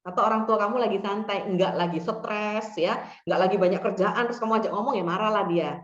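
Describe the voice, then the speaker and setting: A woman's voice: medium pitch, fairly quick. Woman counselor, echoey dull recording. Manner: conversational, acts out example dialogues. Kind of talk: workshop talk giving advice.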